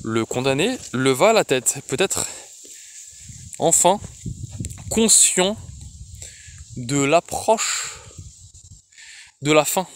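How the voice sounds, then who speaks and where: A man reading a fantasy novel aloud as an audiobook, in a slow, expressive way. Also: fairly high pitch, slight background noise. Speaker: audiobook reader.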